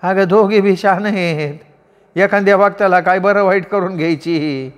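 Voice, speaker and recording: A man voicing a calm old village mother. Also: high-pitched, measured pace, in a large hall, pitched above the performer's own voice. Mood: advising. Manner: gentle advising tone.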